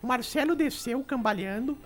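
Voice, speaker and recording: A sharp-tongued old lady, acted by a woman who talks in a high, piercing voice. She tells jokes with bossy, mocking timing on a radio comedy show. Faint music plays underneath. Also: normal speed, lightly acted. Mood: teasing. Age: older. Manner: teasing, bossy storytelling. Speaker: comic radio show regular.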